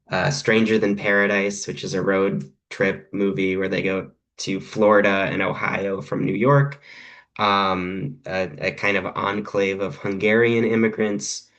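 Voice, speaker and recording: A man's voice: low voice, fairly bright tone. A man, a guest translator, explaining his work thoughtfully with some hesitations. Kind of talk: conversational craft discussion.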